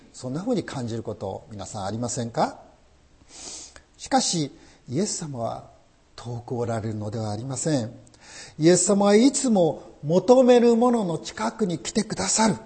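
A man's voice: on the high side, warm tone. A man preaching a sermon as pastor, emphatic and full of rhetorical questions.

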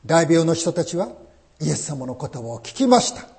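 Lively, mellow-voiced male preacher. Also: fairly high pitch, normal speed, vocal fry. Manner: emphatic preaching with rhetorical questions. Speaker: pastor. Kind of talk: sermon.

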